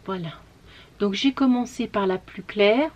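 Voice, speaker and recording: A woman chatting casually while showing her knitting, with many fillers, often trailing off into soft murmurs and whispers. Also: mid-range voice, a little slow. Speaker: knitting vlogger.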